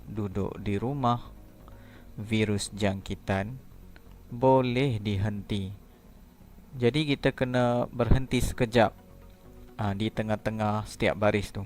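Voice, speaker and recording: A man teaching a primary school lesson, explaining patiently step by step. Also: on the low side. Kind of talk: recorded classroom lesson.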